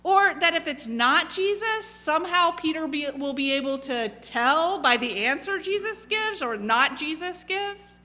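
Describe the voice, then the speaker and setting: A woman's voice: high voice, expressive, unhurried, few pauses, pushed and bright. A woman pastor preaching a reflective sermon, asking many questions and acting out the quoted lines. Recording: long reverb of a large hall.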